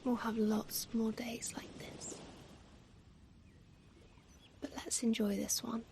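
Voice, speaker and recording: Here the same kind of ASMR comfort roleplay has a woman cast as a loving mother figure, her tender whisper soft and breathy, pauses drawn out. The pitch is fairly high and the delivery stays flat.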